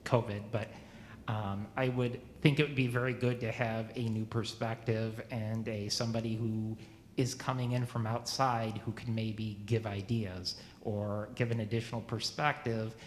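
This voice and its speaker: A man in his forties asking a new minister questions at a church meeting, halting and often restarting his sentences. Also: on the low side, flat delivery, echoey room, long reverb tail, a little hiss or hum. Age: 40s.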